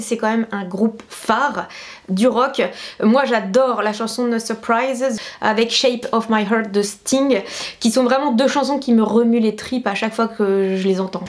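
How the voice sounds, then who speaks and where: A woman who is a classical pianist, hosting a casual explanatory vlog in a chatty, emphatic way with frequent hesitations. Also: on the high side. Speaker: classical pianist and video host.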